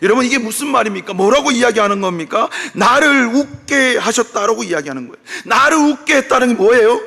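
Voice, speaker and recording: A male pastor preaching a sermon in a church, telling biblical stories with animated delivery and acting out the speakers. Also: very high-pitched, quick pace, vocal fry. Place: church sanctuary. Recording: long church hall reverb.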